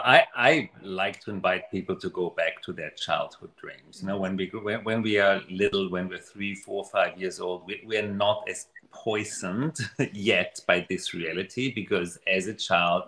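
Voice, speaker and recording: A man giving an earnest, animated motivational talk in a casual conversation. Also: deep voice, unhurried, few pauses, reverberant. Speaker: guest speaker on money mindset.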